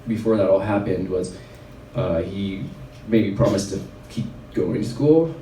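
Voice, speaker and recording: A man's voice: sits low, unhurried, warm tone, a little hiss or hum. A man, telling a personal story at a wellness event in a casual, rambling way full of fillers. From Red Deer, Alberta, Canada. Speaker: chiropractor speaking at a wellness event. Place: event venue. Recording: roomy sound from a distant mic.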